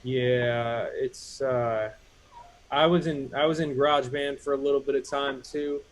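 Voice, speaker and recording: A man with a medium-pitched, steady, unhurried voice hosts a casual live chat. He mentors a guest on music production, giving advice and using lots of fillers.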